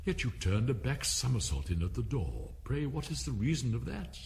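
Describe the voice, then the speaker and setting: A man's voice: medium pitch, very animated, moderate pace, creaky, darkish tone, a little hiss or hum. A man playing a cheeky, inquisitive youth who declaims comic storybook verse. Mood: cheeky, questioning. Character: cheeky, inquisitive youth questioning his elderly father.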